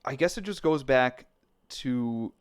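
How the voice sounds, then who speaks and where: Male podcast co-host, casual and animated, mid-pitched voice. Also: takes it slowly, clean tone. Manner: animated, acts out quotes in put-on voices. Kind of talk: casual chat.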